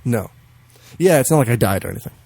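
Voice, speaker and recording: A man co-hosting a podcast in casual chat, swearing freely, laughing often and jumping into high silly voices to mimic games. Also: animated, fast talker, creaky, a little mellow, husky, no echo. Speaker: podcast co-host.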